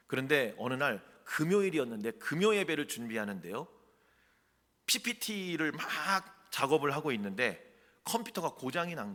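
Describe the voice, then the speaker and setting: A man preaching a sermon as pastor, telling a personal story with lively emphasis and calling on the congregation. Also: on the high side. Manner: animated storytelling, calls on the congregation. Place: church sanctuary. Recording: long reverb of a church hall.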